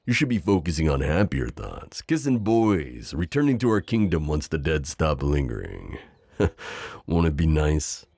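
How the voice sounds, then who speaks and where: A man plays a loyal, teasing, overprotective knight who is hiding a princess, speaking directly to the listener in an improvised romantic audio roleplay. His extremely low, crackly voice has vocal fry and is heard close and dry with no echo. He is unhurried, courtly and tender, with lively swings in tone, heavily acted in a gentle, coaxing mood.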